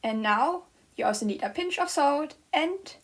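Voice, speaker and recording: A woman's voice: high voice, animated, moderate pace. Playful woman narrating her baking. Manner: playful, mock-dramatic asides. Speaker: co-host baking. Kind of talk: casual cooking vlog narration.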